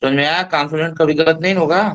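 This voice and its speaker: A man teaching an online English class in Hindi, explaining terms step by step and reading English lines slowly. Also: on the high side, fairly even intonation, a bit bright, dull audio. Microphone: online class mic.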